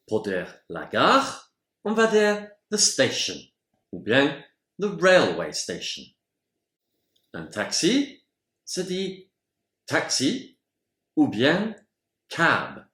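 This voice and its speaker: Male teacher, bilingual vocab lesson, slow and deliberate, pitch swings widely, roomy echo. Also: fairly bright tone. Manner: slow, careful pronunciation of example words. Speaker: English teacher. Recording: roomy echoey room.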